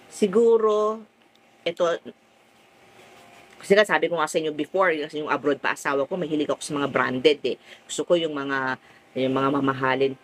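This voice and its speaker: A middle-aged woman from the Philippines with a full, loud voice, chatting casually while selling on a phone live stream from home. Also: medium pitch, slight background noise, rough recording. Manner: chatty, lively, fond of "o, di ba?".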